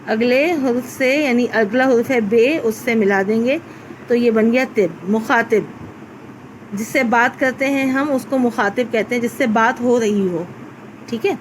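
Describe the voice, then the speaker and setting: A woman's voice: fairly high pitch, slight background noise, poor audio. A woman, teaching a children's class by patiently spelling out letters step by step. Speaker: primary school Urdu teacher. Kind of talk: recorded class lesson.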